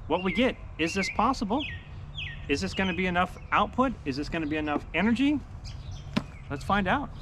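A man's voice: fairly high pitch, background noise. Upbeat man explaining his off-grid setup. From United States. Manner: upbeat, chatty, explains gear step by step. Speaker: off-grid homestead vlogger. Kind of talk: casual how-to vlog. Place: outdoors by a house wall in a backyard.

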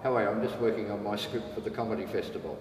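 An older man, a comedian, talking through his show in a mock-earnest, deadpan way. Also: lowish voice, racing. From Australia. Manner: mock-earnest, acting out a crowd's cheers. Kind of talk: deadpan comic sketch. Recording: echoey room, heard from a distance.

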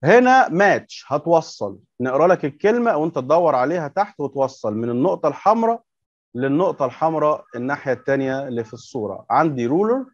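A man's voice: on the high side, sing-song, quick pace, no room sound, lo-fi sound. A man with an Egyptian Arabic accent teaching English words to young children, patiently repeating words and asking questions. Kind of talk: workbook lesson explained step by step.

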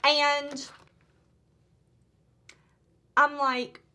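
A woman chatting excitedly through a beauty haul, gushing and full of "like" and restarts. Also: high voice, drawn-out words. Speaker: beauty vlogger. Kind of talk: casual beauty haul chat.

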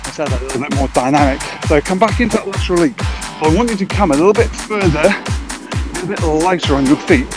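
A man's voice: on the high side, lively intonation, fast talker. A man in his thirties working as an aerobics instructor, calling out short, encouraging exercise cues and counts while he moves. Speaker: fitness instructor leading a home workout. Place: outdoors in a garden. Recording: loud electronic music behind the voice.

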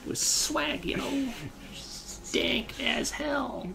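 A man putting on a high, squeaky, goofy narrator voice while reading game text. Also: slow pace, vocal fry, pushed and bright, a little hiss or hum, exaggerated voice.

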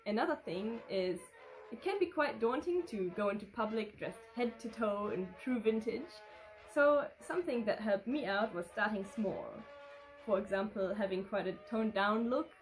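Here a German-born vintage fashion vlogger in her twenties has a mid-range voice and keeps a moderate pace. In a relaxed vlog from a living room with a sofa and red curtain, she reads fan questions aloud and answers them spontaneously in a chatty way. The audio is rough, with faint music in the background.

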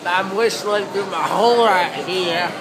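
A man talks and sings slowly through a set of fake teeth, goofing around with silly improvised lines. He speaks at a medium pitch. A loud crowd and heavy noise fill the phone-video recording around him. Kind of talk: casual joking and made-up singing.

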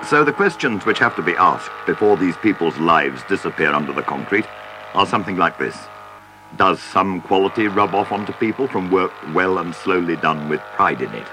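A man giving measured, scripted narration for a television documentary. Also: low voice, expressive, noisy background.

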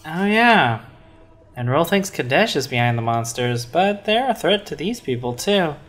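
Reading game dialogue aloud, a man voices a sarcastic, grumpy witch in a dry, sarcastic manner. His fairly high, fairly bright voice swings widely in pitch at a moderate pace, and faint game music plays behind him.

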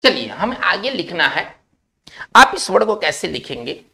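A male teacher giving a spelling lesson, explaining slowly, repeating key words and checking in with his class. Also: high-pitched, very animated, vocal fry, pushed and bright.

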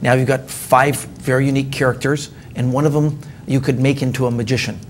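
A man in his forties, a magician guest in a dark TV studio, talking animatedly and acting out little scenes with a chuckle, on a lapel mic. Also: medium pitch, brisk, slight background noise. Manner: animated storyteller, acts out quoted lines, chuckles often. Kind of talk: casual studio discussion.

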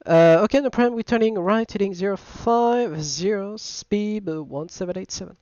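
法国口音男性飞行员，戴着耳机通话. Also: male voice, high voice, a little mellow, no echo, highs cut off. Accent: French. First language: French. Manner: halting, hesitant radio English with fillers. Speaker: flight simulator pilot. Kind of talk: radio calls and cockpit callouts over a pilot headset.

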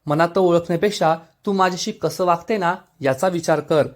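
A bitter, sharp-tongued young woman who snaps and refuses help, read by a man. The voice sits slightly high. It is a plain read, not a strongly acted one. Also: moderate pace, close to an everyday voice. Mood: angry. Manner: snapping, resentful.

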